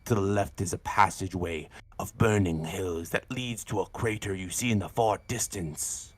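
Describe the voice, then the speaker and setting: For tabletop game narration, a man takes on the role of an ominous demonic lore-giver who warns of hell. His voice is low and husky, and his delivery is slow, solemn, and dramatic.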